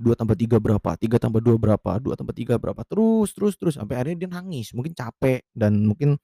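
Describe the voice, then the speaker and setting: Animated man ranting in casual slang. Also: gravelly, dry recording, clean studio sound. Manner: animated, acts out quotes with raised pitch, exasperated. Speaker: vlogger telling a story. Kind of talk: casual storytelling rant.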